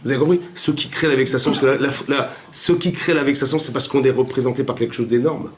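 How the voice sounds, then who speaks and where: A man, a rabbi, giving a Torah class in a family home, animated and asking his listeners rhetorical questions. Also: mid-range voice, fast talker.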